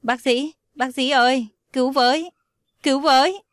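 A woman's voice: mid-range voice, a little fast, dry recording, clean studio sound, close to an everyday voice. A woman voicing a young female friend who is anxious, bossy and blunt in a storybook reading. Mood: shouting.

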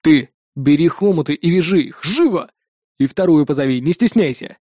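A man's voice: on the high side, expressive, moderate pace, mellow, dry recording, studio quality. A man voicing a cold, brash male officer who snaps threats and orders. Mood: threatening.

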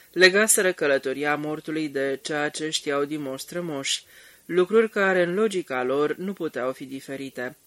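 Male audiobook narrator, bright forceful voice, slightly high, dry close sound. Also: dry recording. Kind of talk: scripted narration.

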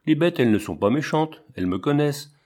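Storybook role: a bold, eager little girl, higher and bright, put on by a male reader. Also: quick pace. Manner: excited, pleading.

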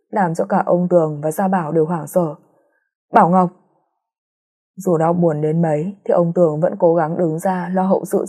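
A woman reading a romance story aloud in calm, steady audiobook narration. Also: lowish voice, slightly rough.

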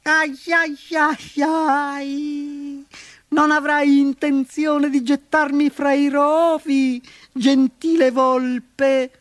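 Brief: a woman doing a crafty little rabbit for a storybook, high and squeaky, slow, drawn-out lines. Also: sing-song, no room sound. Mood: pleading. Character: cheeky boastful male rabbit, small and crafty. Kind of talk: storybook reading.

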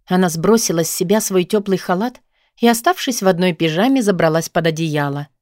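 A woman narrating a novel in the first person, in a steady, even storytelling manner. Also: fairly low pitch, a little fast, no echo, studio quality. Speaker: audiobook narrator.

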